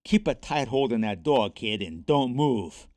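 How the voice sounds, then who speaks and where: Man reading as big menacing stranger, slow, low, threatening. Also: lively intonation, darkish tone, no echo, close to an everyday voice. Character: large tall menacing man in a dark alley.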